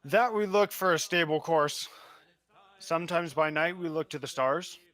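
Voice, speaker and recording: A man's voice: a little high, normal speed, fairly bright tone, close to an everyday voice. A man voicing a hesitant, laconic sailor lookout in a tabletop game, giving terse, wry answers. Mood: matter-of-fact. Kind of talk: tabletop role-play.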